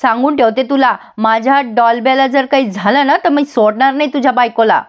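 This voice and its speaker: A woman's voice: a little high, a little fast, natural voice. A woman voicing a fierce, grieving village mother who bitterly scolds and mocks as she retells a TV serial.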